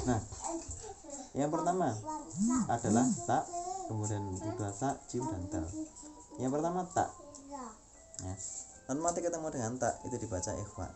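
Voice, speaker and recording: A man teaching a Quran recitation lesson, explaining patiently and chanting examples several times. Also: on the low side. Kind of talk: tajwid lesson.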